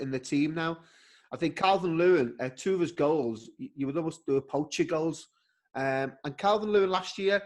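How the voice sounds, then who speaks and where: A man with a somewhat high voice chats about football on a podcast. He often stumbles at the start of a thought, repeating words before finding his point. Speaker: podcast co-host. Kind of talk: casual football chat.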